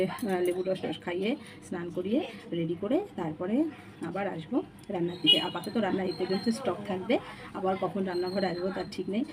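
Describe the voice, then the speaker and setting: A woman chatting casually to her viewers while cooking at home, keeping her voice low so her sleeping son is not woken. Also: creaky. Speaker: home vlogger and mother. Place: home kitchen with a tin roof during rain. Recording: noisy home recording with rain on a tin roof.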